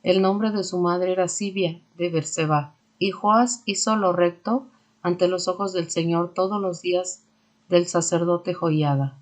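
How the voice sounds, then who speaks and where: Woman reading scripture aloud, slightly low. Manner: steady, measured reading aloud. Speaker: Bible reader.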